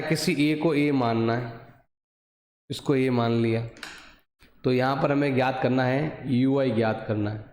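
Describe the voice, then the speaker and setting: A man's voice: mid-range voice, darkish tone. A male math teacher with a Hindi accent explaining a lesson step by step, asking and answering his own questions. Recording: echoey room, voice drifting from the mic.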